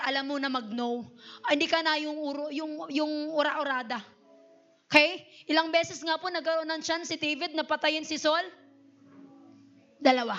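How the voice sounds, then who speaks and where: Bright-voiced Filipino woman pastor preaching. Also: sits high, muffled recording. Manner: lively, code-switching between Tagalog and English, asks the congregation "Amen?". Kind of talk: sermon. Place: church.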